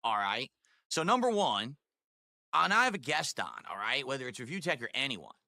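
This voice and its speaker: A man hosting a livestreamed podcast, explaining things to viewers in a deliberate, emphatic way. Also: medium pitch, big pitch swings, creaky, bright, forceful tone, no room sound, studio quality. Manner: deliberate, emphatic, checking in with "all right". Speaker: podcast host and streamer.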